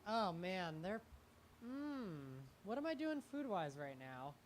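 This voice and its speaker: A young man, a comedian and guest, speaking in a halting, rambling, self-deprecating way on a live talk show. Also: high-pitched, big pitch swings, a little hiss or hum. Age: young adult.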